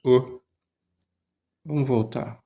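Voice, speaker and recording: A man's voice: medium pitch, fairly even intonation, very slow, mellow. A man, talking casually and hesitantly as he comments on a language lesson. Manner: thinks aloud, hesitant, restarts often. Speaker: language learner host.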